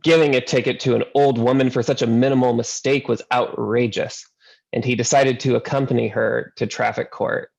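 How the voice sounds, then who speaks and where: A man's voice: medium pitch, fairly even intonation, normal speed, creaky, darkish tone, rough recording. A man preaching a sermon as a seminary intern, telling a story earnestly and often repeating a word as he starts a thought.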